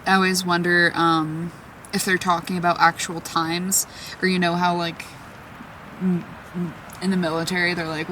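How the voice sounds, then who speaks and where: A woman talking casually in an excitable, chatty way as she questions spirits aloud in a vlog. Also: fairly low pitch, moderate pace. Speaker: paranormal investigator. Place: outdoors in a forest at night. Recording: distant mic, clearly noisy outdoor ambience.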